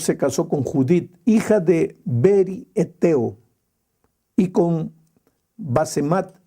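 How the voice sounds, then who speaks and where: Male pastor preaching, dark mellow tone, big pitch swings, lots of dramatic pauses. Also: husky. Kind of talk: sermon.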